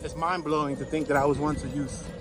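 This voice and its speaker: Loud music plays behind this man in his early thirties as he strolls a city sidewalk giving a casual walking tour, with street traffic and ambient noise in the recording too. He talks briskly and informally in a slightly high, level voice, calling out signs and street names as he passes.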